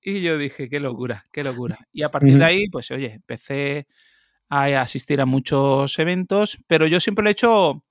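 Lively man telling stories. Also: on the high side, no room sound, studio quality. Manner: lively, animated, quick asides and laughs. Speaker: interview guest. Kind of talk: casual storytelling.

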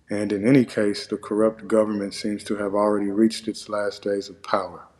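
Male podcast narrator, lowish pitch and very even delivery, measured reading of a written essay. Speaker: podcast host; monk. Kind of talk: scripted narration, essay read aloud.

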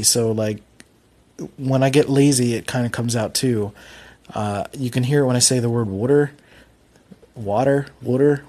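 A man's voice: mid-range voice, a little mellow. Man, Philadelphia accent, podcast host, rambling casual talk, self-deprecating. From Philadelphia, USA.

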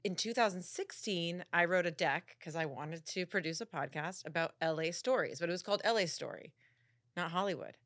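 A woman with a SoCal accent speaks in a slightly low register, recorded close and dry. She tells personal stories casually as a podcast guest, quoting her own reactions and peppering them with "like.". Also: brisk, a bit bright, dry recording. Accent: Southern Californian. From San Diego, Southern California. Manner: informal, peppered with "like" and quoted self-talk. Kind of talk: casual chat, telling personal anecdotes.

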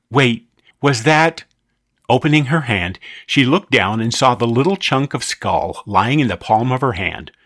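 A man narrates a children's story with a lively, swinging delivery. His voice sits at an ordinary pitch, and the recording is dry and close, with no room sound. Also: no room sound. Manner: expressive, animated reading.

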